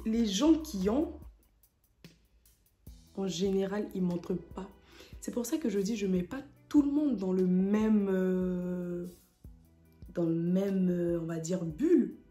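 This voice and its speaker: A woman's voice: mid-range voice, slow pace, long pauses, warm tone, echoey room, faint music behind. A young woman from French Guiana talking casually to camera as a vlogger, hesitant with many fillers.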